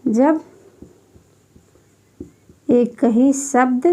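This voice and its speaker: A young woman teaching an exam-prep Hindi grammar lesson, repeating each phrase slowly as if dictating while she writes. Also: high-pitched, warm tone.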